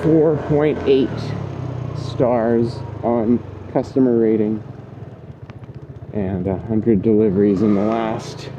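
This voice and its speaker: A man's voice: lowish voice, fairly even intonation, takes it slowly. A man chatting casually to his viewers as a delivery rider, rambling and thinking aloud while riding a scooter outdoors. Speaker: delivery rider hosting his own video channel. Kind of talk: casual vlog chat while working. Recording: dull audio, loud outdoor road noise.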